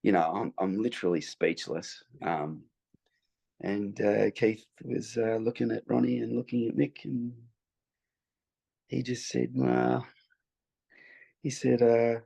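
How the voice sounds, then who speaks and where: A man with a low, gravelly voice and a husky edge recounts his touring days as an interview guest. He talks in a rambling, hesitant way, circling back and restarting as the story unfolds. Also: fairly even intonation, unhurried, dark tone. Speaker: guest musician. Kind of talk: interview anecdote.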